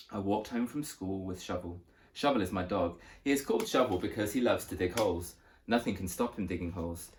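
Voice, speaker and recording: Lively male storybook narrator. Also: lowish voice. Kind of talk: storybook reading.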